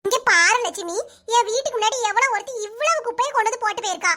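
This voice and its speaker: Picture a very high, bright, piercing cartoon voice that a woman puts on for a fussy village housewife. She scolds and complains in a broad Kanyakumari Tamil accent, sharp-edged and nagging. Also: expressive, rapid-fire, heavily acted. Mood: indignant. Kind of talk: cartoon dialogue.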